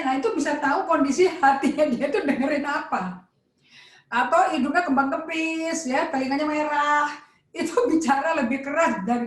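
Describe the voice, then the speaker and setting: Lively high-voiced woman pastor preaching. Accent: Indonesian. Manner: lively, acts out dialogue with shifting tones. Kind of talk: sermon. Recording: echoey church hall.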